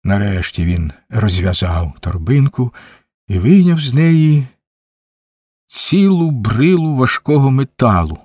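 A man reading a novel aloud as a measured audiobook narrator. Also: medium pitch, big pitch swings, a little mellow, husky, no room sound, studio quality. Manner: measured, unhurried storytelling. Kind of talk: scripted narration.

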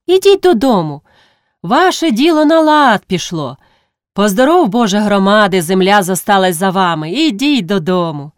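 A woman's voice: medium pitch, very animated, normal speed, no room sound, studio quality, lightly acted. A woman voicing a cheerful, outspoken, good-hearted peasant man who exclaims with animation.

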